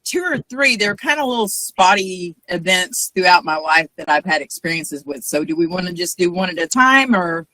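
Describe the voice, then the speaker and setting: A woman's voice: fairly low pitch, expressive, normal speed, hardly any pauses, pushed and bright, no echo, low-quality recording. Chatty woman telling a story, dry sound. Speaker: audience member telling a ghost story. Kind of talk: casual storytelling.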